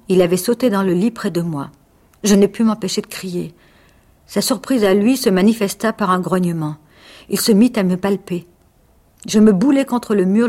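An actress reading a passage from a novel aloud, with expressive, dramatic pacing. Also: female voice, mid-range voice.

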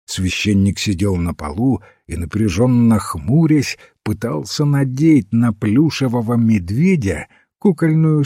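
A man narrating a story in a measured, expressive way. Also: medium pitch, slightly rough, no echo, studio quality. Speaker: audiobook narrator. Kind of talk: scripted narration.

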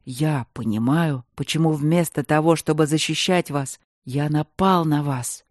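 An audiobook narrator voicing a grown man who turns into a bear. He speaks low, hoarse and slow, as if barely holding himself back. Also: no echo, studio quality, lightly acted. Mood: growling. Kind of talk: audiobook reading.

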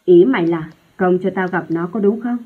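A woman voicing a sharp-tongued, domineering older mother who scolds loudly and harshly, in a husky voice. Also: on the low side, steady tone, a little fast. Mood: shouting. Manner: loud scolding, harsh and contemptuous. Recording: tinny phone-like lo-fi sound.

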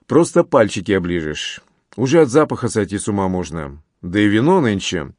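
A man voicing a kindly, excitable older male lawyer who mutters and exclaims, in an audiobook reading. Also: lowish voice, brisk, no echo, clean studio sound. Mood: proud.

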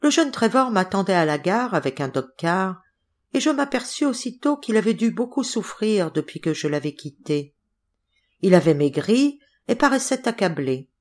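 A woman narrating an audiobook story in a measured, expressive reading. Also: medium pitch. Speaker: audiobook reader.

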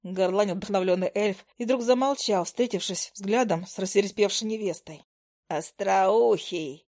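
A woman narrates a first-person fantasy audiobook at a mid pitch, reading briskly and expressively. Her voice carries the action lively and clear, with steady storytelling energy.

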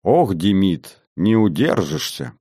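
Man as a calm, mocking warrior in an audiobook, dark low voice. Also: slow, husky, dry recording, clean studio sound, exaggerated voice. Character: stern grown man, dry mocking warrior.

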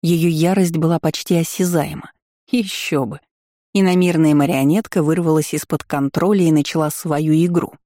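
A woman reading a first-person fantasy novel aloud in a wry, lively storytelling manner. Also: low voice, moderate pace, no room sound, studio quality. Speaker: audiobook narrator.

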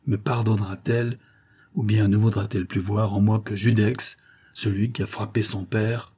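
Judex, a troubled young avenger from an old French novel, voiced in an audiobook by a male reader. He sounds earnest and tense, a little raised above the reader's low, dark voice. The tone stays husky and unpolished. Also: flat delivery, normal speed. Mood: anxious. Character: Jacques de Trémeuse, called Judex, an anxious young man.

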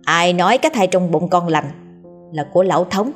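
A woman's voice: on the low side, animated, soft background music, natural voice. Woman putting on a sly scheming eldest wife. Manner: cold, menacing, slow.

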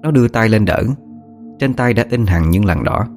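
A man narrating a story as an audiobook reader, steady and expressive. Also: fairly low pitch, normal speed, faint music behind.

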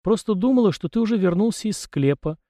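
A man's voice: high-pitched, animated, fast talker, warm tone, no room sound, studio quality, pitched above the performer's own voice. Man playing a drowsy playful young woman, lilting, storybook reading. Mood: teasing. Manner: teasing, playful. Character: sleepy teasing young woman.

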